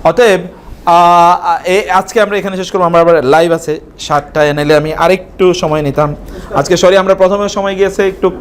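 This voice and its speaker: Bangladeshi man, high voice, patient teacher who repeats words and quizzes students. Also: fairly even intonation, smooth. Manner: explains slowly, repeats words for students to answer. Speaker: Quranic Arabic teacher. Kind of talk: live online class.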